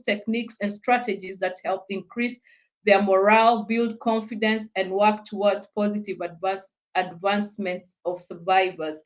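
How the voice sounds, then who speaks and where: A woman's voice: medium pitch, dull audio. A woman hosting a live online interview, reading an introduction with many fillers and restarts. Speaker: host.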